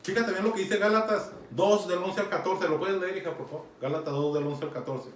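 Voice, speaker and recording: A man's voice: high-pitched, fairly even intonation, brisk. A man preaching a sermon in a conversational teaching manner, often checking in with his listeners. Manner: conversational teaching, keeps asking "¿sí?" and urging "fíjate bien". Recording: echoey room, mic far off, some noise.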